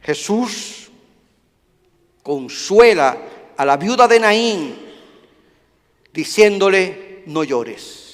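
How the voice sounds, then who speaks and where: A high-pitched male pastor delivers a fervent sermon. He moves from ringing, loud declarations down to hushed, near-whispered lines. His voice carries a long reverb from a big hall. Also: lively intonation, extremely slow, pauses often. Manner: fervent preaching that swings from loud declarations to hushed, soft passages.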